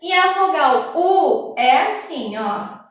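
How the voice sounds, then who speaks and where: A young Brazilian woman teaching preschoolers on video, her voice high and her words slow and drawn out. She keeps checking in with a gentle sing-song "tá bom?". The recording sounds very echoey, with her standing well back from the mic. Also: expressive. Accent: Brazilian Portuguese. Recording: echoey room, voice distant from mic.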